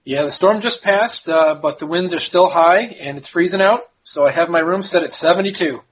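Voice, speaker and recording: A man answering as an interview guest, explaining things in a relaxed, easygoing, informal way. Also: fairly high pitch, normal speed, slight background noise. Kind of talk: casual explanatory chat. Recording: dull lo-fi sound.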